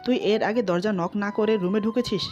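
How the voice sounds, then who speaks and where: Brief: woman voicing grumpy teen boy cousin in an audio story, soft music under. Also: mid-range voice, normal speed, natural voice. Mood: annoyed. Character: sleepy teenage boy cousin, annoyed. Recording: slightly dull, soft music behind.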